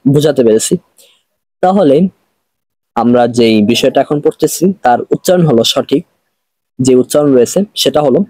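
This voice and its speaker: A man's voice: medium pitch, mellow, no echo. A man with a Bangladeshi accent teaching Arabic reading, spelling out letters one by one and repeating each drill. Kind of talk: slow recitation lesson.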